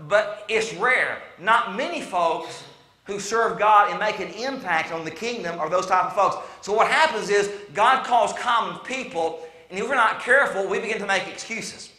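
A man, preaching a sermon as interim pastor in an animated, conversational way, often stammering over his restarts. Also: high-pitched, normal speed. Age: 50s. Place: church sanctuary. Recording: roomy church sanctuary echo.

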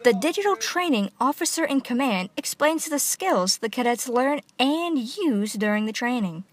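A woman's voice: high voice, lively intonation, normal speed, slight background noise. A woman reporting in a scripted news narration for a public affairs story.

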